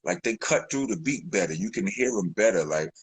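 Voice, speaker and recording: An animated, fairly quick man, a rapper appearing as a guest, talks casually and loosely in an interview, stumbling through fillers and restarts. His deep voice has a husky quality on a low-quality recording.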